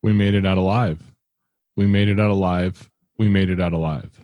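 A man answering as a participant in a guided exercise, in a low-key, slightly tentative conversational way. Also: fairly even intonation, moderate pace, dark tone, dry recording. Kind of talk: brief conversational responses.

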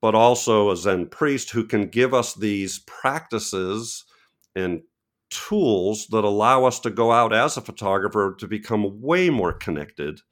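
A man talking as a guest photographer in a podcast interview, reflective and unhurried, often restarting and correcting himself mid-sentence. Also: lowish voice, expressive.

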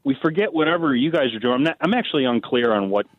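A man calling in on a payphone line from prison, rambling and pushing a half-baked idea like a pitchman. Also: expressive, quick pace. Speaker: caller. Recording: dull lo-fi phone line.

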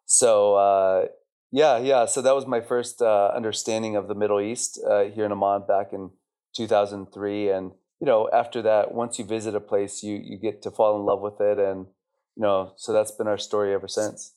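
Smooth-voiced man in his thirties. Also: lowish voice, normal speed. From Chile. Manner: relaxed, many fillers like um and you know. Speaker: school director, guest. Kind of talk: podcast interview.

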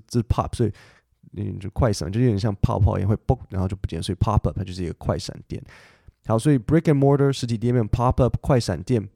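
A man hosting a casual podcast lesson. He chats in a relaxed way, thinks aloud with fillers and restarts, and reads English text slowly and carefully. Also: on the low side, no room sound, clean studio sound. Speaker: English teacher podcast host.

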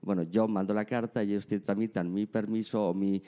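A man in his forties with a Spanish accent, a diocesan priest calmly explaining his path in an interview. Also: lowish voice, brisk. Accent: Spanish, from León. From Spain. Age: 40s. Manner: explanatory, matter-of-fact. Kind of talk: casual interview.

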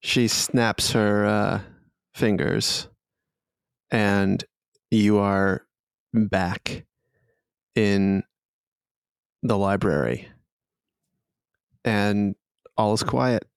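Slow gravelly game master. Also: male voice, lowish voice, dry recording, studio quality. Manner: slow, laughing narration. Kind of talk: narrating a tabletop game.

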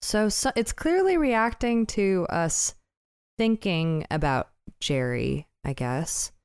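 Casting: female tabletop player, animated pitch, close dry sound, improvising in a casual, halting way. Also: clean tone, no room sound. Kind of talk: casual improvised role-play chat.

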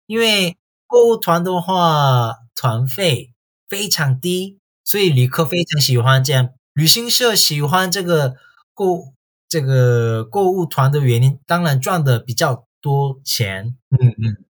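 A man from South Korea, working as a tour guide, gives casual answers to interview questions in Mandarin, speaking as a foreigner in halting, simple phrases with a Korean accent. He has a slightly high, animated voice with a fairly bright tone.

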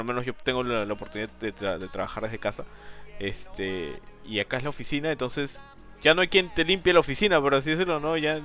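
A man's voice: medium pitch, a bit bright. A man, chatting casually and rambling with self-mocking asides. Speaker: podcast co-host. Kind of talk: casual chat.

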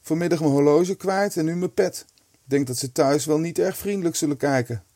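A plucky, excitable boy, as a man puts him on for a storybook. The voice sits well above his own speaking pitch and pushes loud. The sound is dry and close. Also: brisk, no room sound, close to an everyday voice. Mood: dismayed.

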